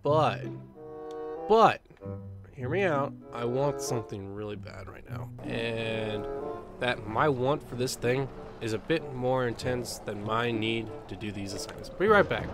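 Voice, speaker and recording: A man narrating a video game as he plays, reacting loudly, swearing and laughing. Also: medium pitch, animated, measured pace, over music. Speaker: gaming YouTuber. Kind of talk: let's play commentary.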